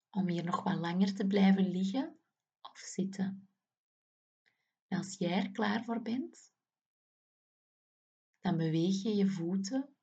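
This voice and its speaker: A woman's voice: mid-range voice, mellow, husky, lo-fi sound. A woman guiding children through a muscle relaxation exercise, soothing and often dropping to a whisper.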